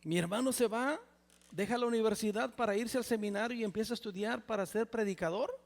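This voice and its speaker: A Mexican man in his sixties preaching a personal testimony sermon in a church, with a Mexican Spanish accent, swinging from loud exclamations to near whispers. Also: sits high, quick pace, gravelly. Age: 60s. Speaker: pastor. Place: church sanctuary. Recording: reverberant church hall.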